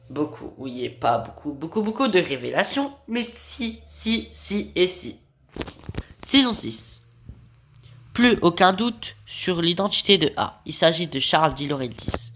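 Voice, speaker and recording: A video creator with a cold narrates a recap of a TV series' plot, often tripping over his words and correcting himself. His voice is fairly high and expressive, a little slow and a bit bright. There's a little hiss or hum in the background.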